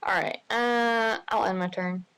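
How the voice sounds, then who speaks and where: A woman playing a tabletop game, speaking in a dry, deliberate way. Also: a little high, steady tone, fairly bright tone, clear, resonant tone. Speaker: player. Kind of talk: casual tabletop game chat.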